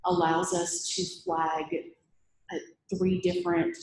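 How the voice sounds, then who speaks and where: Speaking slowly in a lowish, creaky voice, a woman gives a lively, chatty talk with self-deprecating humor to a meetup audience and then takes questions. The echoey recording has a little hiss or hum.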